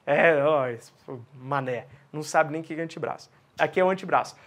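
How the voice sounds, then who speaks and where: A man's voice: on the high side, a little fast, fairly bright tone. A man teaching sales communication, talking straight to his viewers and answering his own questions. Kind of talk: instructional talk to camera.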